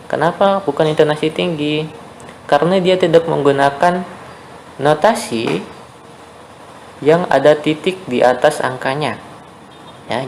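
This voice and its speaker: Seorang guru pria memberi pelajaran musik daring untuk murid sekolah, dengan sabar mengulang poin penting dan sering bertanya "ya" atau "oke". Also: male voice, medium pitch, gravelly, a little hiss or hum, rough recording. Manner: patient, repeats key points, checks in with "ya" and "oke". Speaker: teacher. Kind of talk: online music lesson for schoolchildren.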